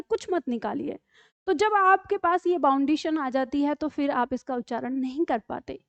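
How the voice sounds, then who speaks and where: Woman teacher, high voice, patient step by step explaining, keeps asking if u got it, dry kinda dull recording. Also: no room sound. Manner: patient, explains step by step with frequent "ठीक है?" checks. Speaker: Hindi teacher. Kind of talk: online grammar lesson.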